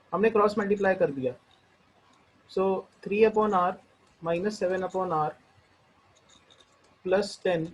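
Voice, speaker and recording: Higher-pitched Indian male math tutor. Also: breathy edge, low-quality recording. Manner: explains step by step, mixing Hindi and English; slows down when reading out equations. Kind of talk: online math lesson.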